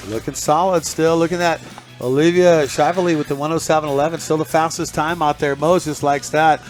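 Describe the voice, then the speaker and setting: A man's voice: fairly high pitch, a little fast, soft background music. A man co-announcing a ski race live, teasing his partner and reading out fan messages. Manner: playful, excitable, teasing. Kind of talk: live sports commentary, banter.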